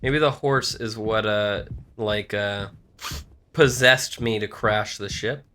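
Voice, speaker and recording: A man's voice: fairly low pitch, slow, bright, forceful tone, a little hiss or hum. Jokey man riffing while gaming. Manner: jokey, rambling. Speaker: gamer. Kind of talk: casual game commentary.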